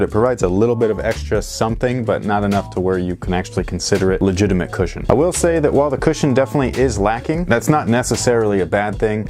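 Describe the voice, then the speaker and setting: A man with a lowish voice runs through a basketball shoe review in a relaxed, joking way and swears freely. His delivery is energetic and casual, with soft music under him.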